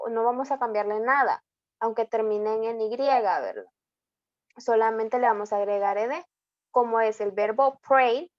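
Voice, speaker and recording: A woman's voice: a little high, no echo. A woman with a Salvadoran accent tutoring an online English class, explaining grammar rules step by step in a mix of Spanish and English and checking in with a frequent "ok?". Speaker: English teacher. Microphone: computer mic in an online class. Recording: dull, lo-fi online class audio.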